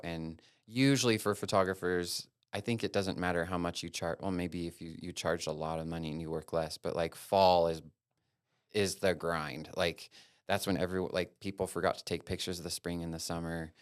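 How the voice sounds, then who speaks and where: A man from Wyoming speaks as an interview guest, candid and earnest, his thoughts running on in long strings. His voice sits low and comes through smooth and resonant. The sound is dry and close. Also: fairly even intonation, moderate pace, no room sound. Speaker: guest, elopement photographer. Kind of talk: casual interview talk.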